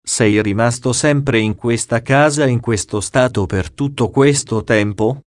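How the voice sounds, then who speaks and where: A man's voice: mid-range voice, measured pace, dry recording, studio quality, close to an everyday voice. A man voicing a pious noblewoman who earnestly and persistently questions a spirit.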